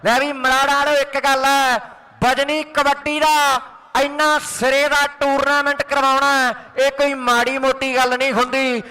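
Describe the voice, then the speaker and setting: A man's voice: very high voice, flat delivery, moderate pace, pushed and bright. A man with a Malwa Punjabi accent gives frantic live rural sports commentary on kabaddi, breaking into chanted folk verse. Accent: Punjabi from Indian Punjab's Malwa region.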